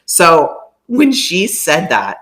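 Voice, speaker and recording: A woman's voice: lowish voice, wildly swooping pitch, slow, fairly bright tone. A woman co-hosting a podcast, telling a story in casual, profane chat and acting out what people said. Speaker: podcast co-host.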